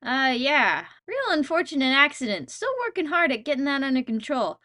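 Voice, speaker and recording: A woman's voice: high-pitched, sing-song, moderate pace, bright, forceful tone. A woman narrating a comedic game video in a wry, playful, self-mocking way.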